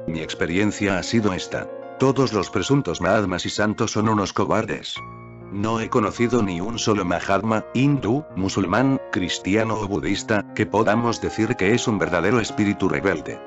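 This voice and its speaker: A male narrator reads a spiritual text aloud, calm and measured, his voice a little low. Faint soft music sits underneath a dull, lo-fi recording.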